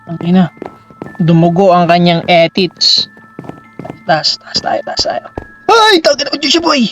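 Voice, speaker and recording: Young Filipino woman, gaming YouTuber, lively pitch, slow and drawn out, cusses and shrieks at scares; slightly dull lo-fi audio with faint game music. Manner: jumpy, swears a lot, yelps and shrieks at scares; mixes Tagalog with English, calls viewers "boy". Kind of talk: let's play commentary of a horror game.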